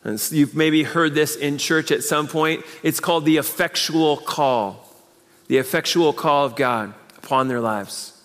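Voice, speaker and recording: A male pastor delivers a sermon, emphatic and conversational, tossing out rhetorical questions and repeating key phrases. His voice sits a bit higher than most men's. A long reverb trails his words around the church hall. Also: measured pace, a bit bright.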